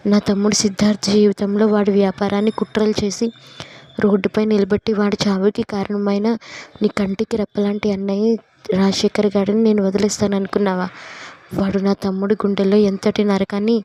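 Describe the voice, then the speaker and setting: A woman voicing a cruel, vengeful, possessive man who speaks in threats, in a flat, dark tone. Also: mid-range voice, no room sound, lightly acted. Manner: menacing, threatening.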